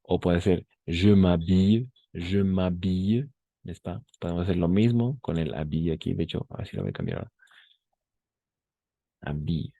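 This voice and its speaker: Deep-voiced patient man teaching French. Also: vocal fry, warm tone, slightly rough, no room sound, lo-fi sound. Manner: patient, repeats French examples slowly, checks in with "¿no?" and "ujú". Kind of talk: online class explaining French grammar in Spanish.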